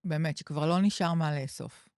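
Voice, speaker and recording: A woman's voice: sits low, darkish tone, no room sound. Hesitant woman counselor, dry sound. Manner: hesitant, many fillers and restarts. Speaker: couples and family counselor. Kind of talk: podcast conversation.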